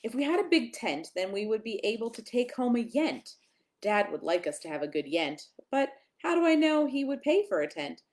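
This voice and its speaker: A woman with a slightly high voice reads a picture book at children's storytime. Her lively, sing-song reading includes emphatic pauses and small asides addressed to her listeners.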